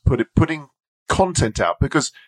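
A man hosting a podcast interview, relaxed and self-deprecating, laughing easily. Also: on the high side, normal speed, breathy edge, dry recording. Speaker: podcast host. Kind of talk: casual interview chat. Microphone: podcast microphone.

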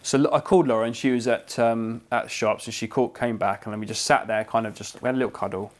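A young English man co-hosting a podcast, telling a story in a casual, animated way and swearing freely. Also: medium pitch, fast. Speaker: podcast co-host.

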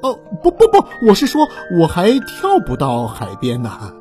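A woman's voice: low voice, huge pitch swings, normal speed, dark tone, faint music behind, voice pushed down. A woman voicing a small, timid young male pterosaur in a storybook, stammering and nervous. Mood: flustered.

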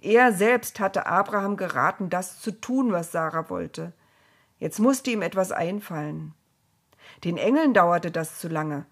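Female storyteller, calm children's reading, breathy, unhurried. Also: on the low side.

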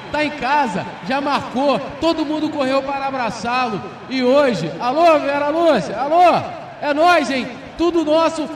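A Brazilian man giving exuberant, slangy football commentary full of repeated catchphrases. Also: extremely high pitch. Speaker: football commentator reacting after goals. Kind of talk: excited colloquial match commentary. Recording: echoey, with faint noise and crowd. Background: stadium crowd.

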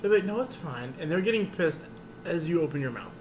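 A man's voice: on the high side, animated, fast, a little mellow. A man co-hosting a casual podcast, chiming in with laughs and wry comments. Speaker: podcast co-host. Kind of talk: casual chat. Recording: audible background noise.

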